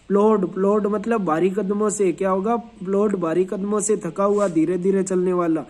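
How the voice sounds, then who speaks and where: A man's voice: high-pitched, darkish tone. A man teaching an exam revision lesson, drilling word lists through repetition, asking and answering his own questions, and spelling out English words letter by letter.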